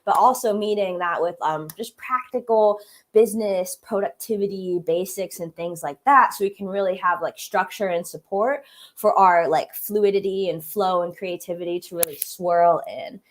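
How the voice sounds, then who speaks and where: A woman's voice: mid-range voice, moderate pace. A young woman from the United States, a creative business coach, chatting casually and enthusiastically on a livestream while a bit congested. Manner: chatty, lots of "like" fillers, enthusiastic. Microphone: streaming setup, computer mic.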